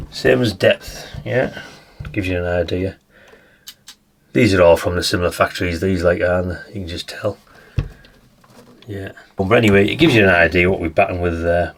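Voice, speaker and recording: A man with a slightly croaky voice, chatting casually through a radio review and tossing in tag questions. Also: deep voice, moderate pace, long pauses, slight background noise. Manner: chatty, adds tag questions like "isn't it, really?". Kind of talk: casual product demonstration.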